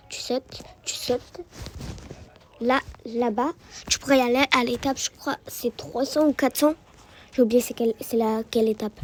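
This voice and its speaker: A woman's voice: fairly high pitch, breathy edge, poor audio. A woman giving casual gameplay commentary, chatty and repeating words as she guides the viewer. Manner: chatty, repeats words while guiding the player. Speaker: gaming YouTuber.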